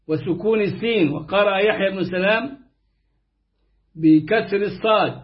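A man reading aloud a classical Quran commentary in a steady, formal manner. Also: high voice. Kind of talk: measured reading of classical tafsir. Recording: dull lo-fi recording.

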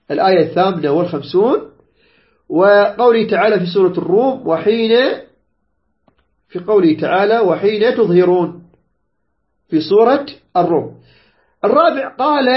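A man teaching a tajweed lesson, repeating points, quizzing students and stretching out example words. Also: high voice. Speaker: Quran recitation teacher. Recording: dull lo-fi recording.

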